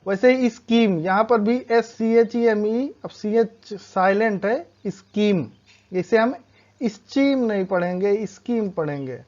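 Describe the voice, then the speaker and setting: Slow, patient woman teaching English. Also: medium pitch, a little mellow. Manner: slow, spells letters out and repeats words. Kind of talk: classroom-style language lesson. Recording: slightly dull lo-fi sound.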